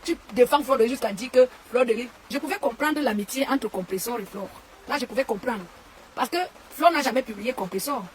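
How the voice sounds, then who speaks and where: A woman rants into her phone in a live stream, her voice sitting a little high and her insults coming in repeated bursts. A faint hiss runs underneath her talk. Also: a little fast. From Cameroon. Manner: insulting, repetitive, heated. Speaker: online commentator. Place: home and garden.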